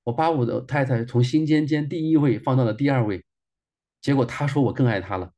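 A man's voice: mid-range voice, fairly quick, dark tone. A man in his forties, a minister, sharing a personal testimony sermon in an earnest way and repeating phrases for emphasis.

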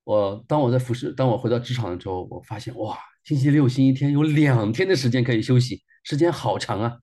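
A man's voice: medium pitch, fast, mellow. A man in his forties, a minister, sharing a personal testimony sermon in an earnest way and repeating phrases for emphasis.

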